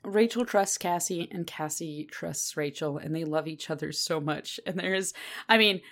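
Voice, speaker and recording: A young adult woman co-hosting a casual book podcast, excitable and rambling, swearing freely. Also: low-pitched, normal speed. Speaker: podcast co-host.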